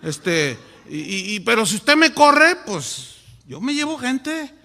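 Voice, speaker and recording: A man's voice: extremely high pitch, big pitch swings, slow pace, vocal fry, pushed and bright, long reverb tail, voice pushed up, full character voice. A preacher putting on a whiny, boastful big-tithing churchman. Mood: indignant. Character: boastful male church member, big tither.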